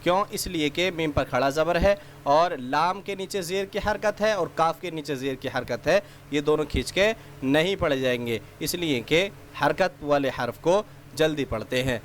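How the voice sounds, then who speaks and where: A man teaching a Quran reading lesson, drawing out letters slowly in recitation and then explaining the rules quickly and patiently, step by step. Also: fairly high pitch, a little hiss or hum. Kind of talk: recorded spelling and recitation lesson.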